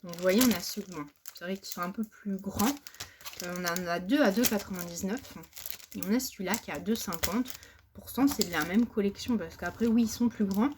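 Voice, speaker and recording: A woman's voice: mid-range voice, a little fast, a little mellow, slight background noise. A woman from France chatting casually in a crafting haul, hesitant and full of fillers and restarts. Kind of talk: casual chat.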